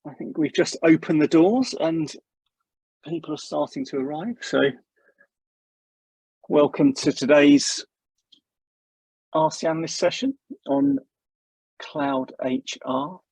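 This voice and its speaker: A man opens an online session as host, his voice carrying a gravelly creak and a slight huskiness. He chats casually and welcomingly, trading light jokes with guests. The sound is close and dry, as on a video call. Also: a little high, big pitch swings, slow, long pauses, darkish tone, dry recording, poor audio. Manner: chatty, welcoming, joking with guests. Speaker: webinar host. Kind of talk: casual webinar welcome chat.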